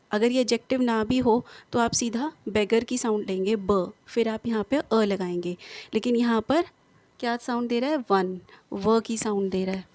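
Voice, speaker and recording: A woman with a slightly high, somewhat mellow voice teaches English grammar, firing off quick questions and answering them herself. She reads every example sentence slowly and with care. The recording is dry.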